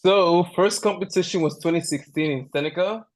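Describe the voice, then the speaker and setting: A man's voice: high voice, a little fast. A man from Canada, a powerlifter guest on a podcast, chatting casually, joking and laughing often, rambling with restarts. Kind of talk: casual interview chat.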